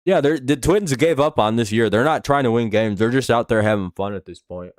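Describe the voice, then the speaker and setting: A mid-range, brisk male voice comes through a dry recording with clean studio sound. He is an American with a slight lisp and a whistling s from false teeth, doing laid-back, sweary, rambling play-by-play commentary and chat on a live sports stream.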